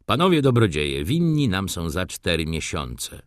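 A man's voice: deep voice, huge pitch swings, a little slow, no room sound, clean studio sound, exaggerated voice. A man voicing a weary, patient middle-aged building steward who speaks plainly and reproachfully in an audiobook reading. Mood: impatient.

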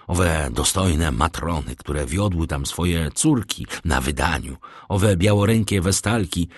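A man voicing a suave, worldly count who speaks in measured, urbane tones, read in an audiobook. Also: lowish voice, breathy edge, no echo, studio quality, full character voice. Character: suave worldly male count, persuasive host.

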